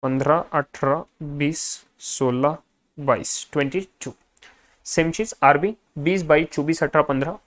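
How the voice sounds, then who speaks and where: A man's voice: fairly high pitch, measured pace, a bit bright. A male finance lecturer in a recorded class, adding up figures aloud half to himself and coaching students directly.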